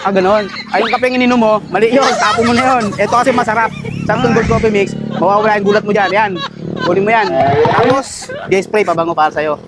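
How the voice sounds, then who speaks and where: A playful, teasing vlogger pulling street pranks, chatting and suddenly belting out a shouted song. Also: mid-range voice, fast talker, over a noisy crowd. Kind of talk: street prank vlog, casual teasing chat. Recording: loud music playing under the voice.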